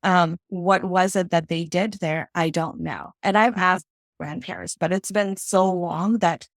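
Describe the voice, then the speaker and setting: A woman's voice: lowish voice, steady tone, a little slow, no room sound. A woman from Fiji, a financial strategist, speaking as a guest in a casual interview and telling her story reflectively, often checking in with "right?" and "you know".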